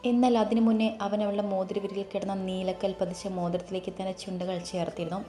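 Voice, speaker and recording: A woman reading a romantic story aloud as audiobook narrator, in a steady, even manner. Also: medium pitch, fast talker. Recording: echoey room, faint music.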